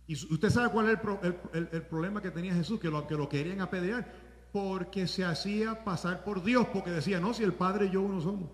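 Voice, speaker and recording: A man pastor preaching a sermon in a conversational way, at times rising to shouts. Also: high-pitched, a little fast, echoey room, long reverb tail.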